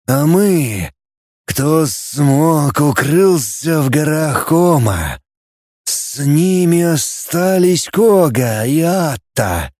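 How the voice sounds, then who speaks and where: Brief: man doing a grave alien warrior, male, slow and subdued, dry close sound. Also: medium pitch, a little mellow, no echo, full character voice. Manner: slow, subdued telling of losses. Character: grim semi-humanoid alien warrior, male.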